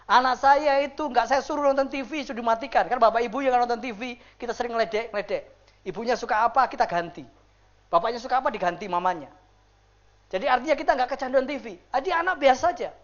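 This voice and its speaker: A male pastor preaching a lively sermon to a church congregation, acting out the people he describes. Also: quick pace, muffled recording. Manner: animated, acts out quoted people with big pitch swings. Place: church service.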